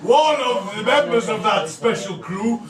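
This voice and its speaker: Panto storyteller: shrill, camp, bawdy wine god played by a man, very animated, drawn-out delivery; distant, noisy live hall recording. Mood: excitable, bawdy. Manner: camp, theatrical, mock-lecturing, crude asides. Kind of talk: live comic pantomime monologue. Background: loud laughing audience.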